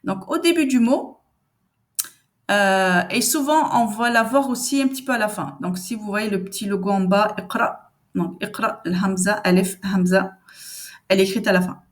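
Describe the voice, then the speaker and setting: A woman teaching reading in a patient, conversational way, repeating sounds and syllables slowly and answering the questions she expects from learners. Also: medium pitch. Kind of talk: step-by-step reading lesson.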